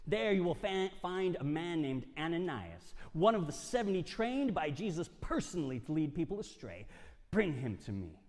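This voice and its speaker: Commanding high priest, as a man puts him on. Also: very animated, moderate pace, a little mellow. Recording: long hall reverb.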